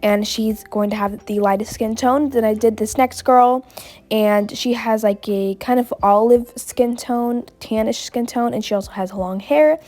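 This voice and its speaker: A woman's voice: a little high, unhurried, a little mellow. A woman with a cold, bubbly and gushing, casually narrating over her drawing as an art vlogger. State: has a cold.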